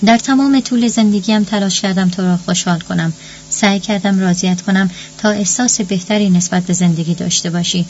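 A woman's voice: medium pitch, darkish tone, lightly acted. Hurt pleading daughter, as a woman reads her. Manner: pleading and reproachful. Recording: muffled recording with faint hum.

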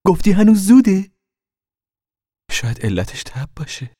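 A man playing a bossy, excitable farm wife who takes charge as midwife, in a spoken storybook. She talks loud and raised in pitch, giving orders and coaxing. Her tone is commanding and lively. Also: dry recording, clean studio sound.

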